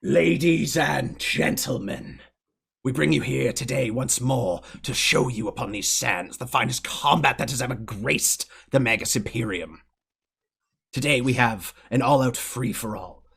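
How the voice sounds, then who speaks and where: A man voicing a pompous grand mage announcing an arena fight, slow and booming. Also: vocal fry, a bit bright, husky, exaggerated voice. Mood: grandiose. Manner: booming, drawn-out proclamations.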